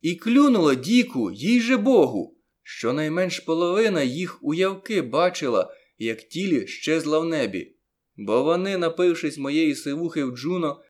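Narrating an audiobook in the first person, this man uses a mid-range voice and an energetic storytelling style, deliberately slowing down on some words for effect.

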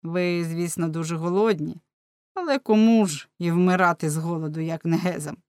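A woman's voice: on the low side, moderate pace, a little mellow, clear, resonant tone, no echo, natural voice. A woman voicing cruel, gloating soldiers who taunt their prisoners in a sneering manner, reading a storybook aloud.

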